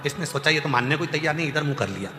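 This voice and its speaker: A man giving a devotional sermon, telling the story with lively, acted-out voices and loud bursts of emphasis to a gathered congregation. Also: a little high, rapid-fire, slight background noise. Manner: animated, acts out characters, rising to loud exclamations. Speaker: kathavachak preacher. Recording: echoey hall with music behind.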